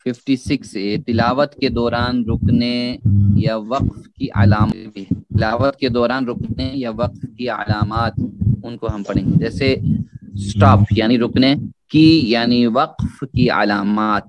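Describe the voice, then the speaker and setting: A man teaching a Quran recitation lesson, repeating key phrases slowly and chanting Arabic verses as examples. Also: medium pitch. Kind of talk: Urdu tajweed lesson.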